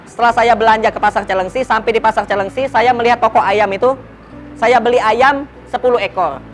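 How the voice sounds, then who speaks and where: A man's voice: high-pitched, fairly quick, soft background music. A man telling a personal story and drawing a religious lesson from it, earnest and preachy. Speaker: founder of a free eatery.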